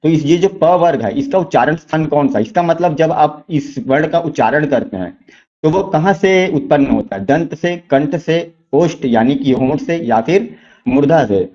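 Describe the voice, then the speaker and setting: A man teaches a quiz lesson in a mellow, darkish voice. He poses rhetorical questions and then repeats the key answers slowly. The recording is muffled and lo-fi. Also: on the high side, expressive. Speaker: exam-prep teacher. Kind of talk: explaining quiz questions step by step.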